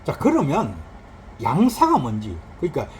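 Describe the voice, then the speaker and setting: A man's voice: fairly high pitch, slight background noise, rough recording. A man teaching a recorded Chinese grammar lesson, explaining patiently and drawing out spoken examples. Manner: lively explaining, drawn-out examples.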